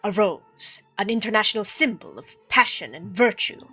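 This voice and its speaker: Courtly young prince with a put-on Spanish accent, read by a woman, bright and crisp, faint game music under. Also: medium pitch, lively intonation, moderate pace. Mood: storytelling. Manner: formal, flowery, gracious. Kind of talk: reading game dialogue aloud.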